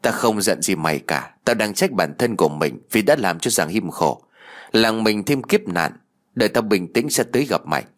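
A man's voice: lowish voice, lively intonation, moderate pace, lightly acted. A man doing a brooding young villager. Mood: subdued. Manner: terse and withdrawn. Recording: faint music behind the voice.

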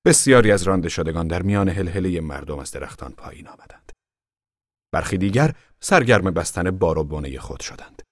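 A man narrating an audiobook in an expressive storytelling voice that sometimes drops to a whisper. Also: low-pitched, dry recording, clean studio sound. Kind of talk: scripted narration.

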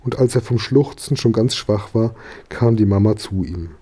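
A man reading a children's story aloud in a calm, measured way. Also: on the low side, husky. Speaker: reader.

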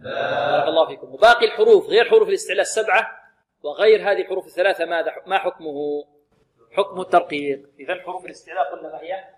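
A man's voice: high-pitched, rapid-fire, heavy reverb. A man teaching Quran recitation rules, asking rhetorical questions and drilling syllables aloud for students to repeat. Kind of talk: tajweed lesson with call-and-repeat drills.

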